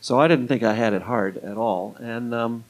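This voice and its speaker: A man's voice: medium pitch, normal speed. An older man being interviewed, telling stories in a rambling, conversational way and slipping into quoted dialogue. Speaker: interview guest, retired music club booker. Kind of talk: anecdotal storytelling in an interview.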